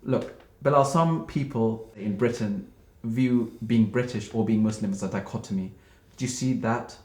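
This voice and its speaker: Brief: male interviewer, lowish voice, direct questions, roomy echo. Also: moderate pace, darkish tone. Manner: direct, probing.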